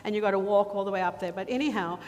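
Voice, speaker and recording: A woman's voice: mid-range voice, very fast, a little mellow. Chatty woman in a reverberant church. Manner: chatty, loses her thread, many ums. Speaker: mission trip presenter. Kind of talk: slide presentation to a church congregation. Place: church sanctuary. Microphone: handheld or lapel mic. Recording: reverberant church hall, faint noise.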